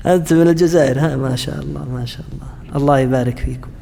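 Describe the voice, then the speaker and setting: A man teaching a class on Quranic interpretation, pausing often with fillers and restarts and asking his students questions. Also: medium pitch, steady tone, vocal fry, mellow, in a large hall, slight background noise. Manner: halting, frequent fillers and restarts, chats with students. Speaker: Islamic studies lecturer.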